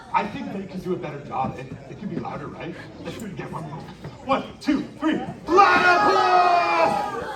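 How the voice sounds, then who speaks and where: A man performing a live interactive story show at a winter carnival, coaxing the audience into shouted call-and-response. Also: extremely high pitch. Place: outdoor winter carnival stage. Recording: echoey, distant live recording with crowd.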